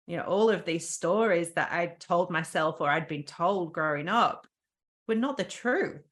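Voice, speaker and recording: A woman's voice: sits low, a bit bright. A woman guest on a podcast, earnestly telling a personal story with frequent ums and restarts.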